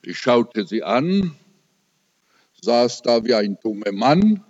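A man's voice: medium pitch, very animated, takes it slowly, a little mellow. An older man preaching a sermon, telling a personal story with emotional, dramatic swings. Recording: reverberant hall, dull lo-fi sound.

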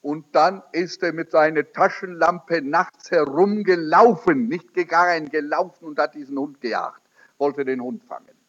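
A man preaching a sermon, telling a testimony as a story and quoting the people in it. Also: moderate pace. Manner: storytelling, quoting in lowered voice, rising emphatic peaks. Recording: dull lo-fi recording.

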